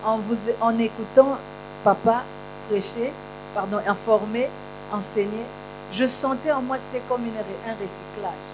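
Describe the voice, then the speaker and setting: A woman's voice: on the high side, unhurried. A woman from Kinshasa with a Congolese French accent, addressing a church gathering as a guest minister's wife, fervent and repeating phrases for emphasis. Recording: mains hum and electrical buzz.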